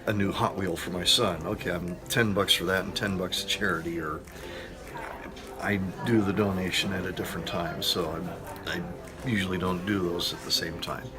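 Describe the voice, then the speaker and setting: A man around fifty speaks in a low voice in a seated interview in a school lab. He rambles through anecdotes in a casual way. Music plays softly behind him. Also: steady tone, normal speed. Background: background music.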